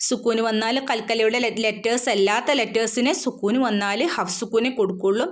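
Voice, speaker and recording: A woman's voice: fairly high pitch, fairly even intonation, brisk. Patient woman teaching recitation. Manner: patient, repeats each word, asks and answers own questions. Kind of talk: recitation lesson, explaining and modelling verses.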